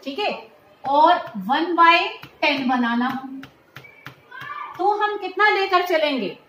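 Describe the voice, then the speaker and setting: A woman's voice: high-pitched, slow, bright, forceful tone, muffled recording, slight background noise. A woman chemistry teacher giving a hands-on lab demonstration, patiently walking students through each step and checking they follow. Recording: roomy echo.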